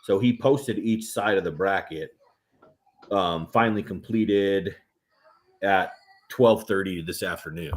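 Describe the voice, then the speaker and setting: A man's voice: low-pitched, measured pace, pauses often. A man hosting a casual podcast about armwrestling, talking in a loose, profane storytelling way. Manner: profane, animated storytelling with acted quotes.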